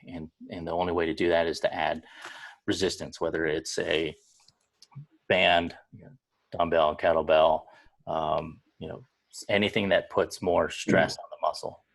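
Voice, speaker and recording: A deep-voiced man with a gravelly edge explains strength training on a video call. His delivery is loose and practical, with small restarts as he thinks aloud. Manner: explanatory, repeats words when restarting. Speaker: fitness coach. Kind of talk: casual instruction on a video call.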